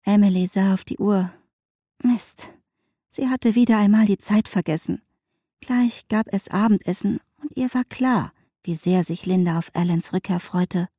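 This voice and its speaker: A woman narrating a novel in an even, measured way. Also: medium pitch, no echo, studio quality. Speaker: audiobook narrator.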